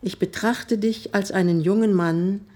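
A woman's voice: mid-range voice, steady tone, unhurried, darkish tone, natural voice. A woman playing a cool, self-assured mother. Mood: composed.

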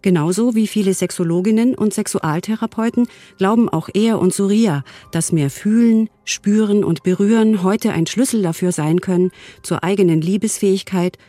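A woman reporting for radio, narrating her story in a calm, informative way. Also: mid-range voice, normal speed, no echo. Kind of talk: scripted reportage.

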